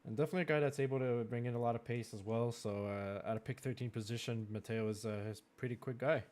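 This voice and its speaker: French Canadian male host, mid-pitched, chatty, laughs often, loose filler-heavy draft commentary. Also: fast, darkish tone. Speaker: host of a racing league draft. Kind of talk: live-streamed draft commentary.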